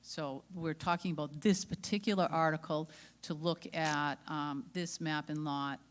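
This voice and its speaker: Brisk woman moderating a town meeting. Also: deep voice, steady tone. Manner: brisk and procedural, with frequent apologies. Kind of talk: running a public town meeting.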